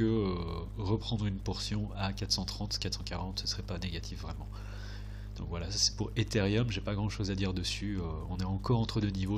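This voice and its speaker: A man with a fairly deep voice talks through charts in an informal, hesitant way. His nose is blocked and his throat sore, so he sounds stuffy and nasal. Some background noise and hum sits behind him. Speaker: host of a crypto chart analysis video. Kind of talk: casual technical commentary over charts.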